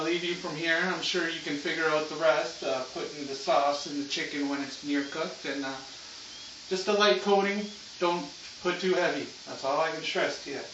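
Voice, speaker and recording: A man with a slightly high voice talks through cooking in a loose, easygoing stoner drawl, casual and unscripted. He sounds some way from the microphone in an echoey home kitchen, and the sound is rather dull. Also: background noise. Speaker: home cooking show host. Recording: muffled, echoey room, far from mic.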